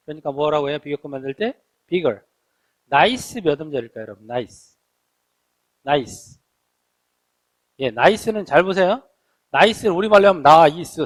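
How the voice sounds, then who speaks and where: Man lecturing with rhetorical questions. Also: a little high. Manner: explains step by step with frequent rhetorical questions to students. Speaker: English teacher. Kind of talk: recorded test-prep lecture.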